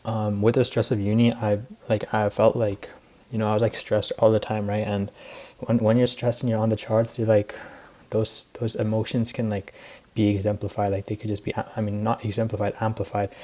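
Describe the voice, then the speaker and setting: A man's voice: fairly low pitch, flat delivery, brisk, mellow. A teenage boy rambling through a casual weekly recap, tired and short of breath, with lots of fillers. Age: teens. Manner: rambling, filler-heavy, laid-back. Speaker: student trader recapping his week.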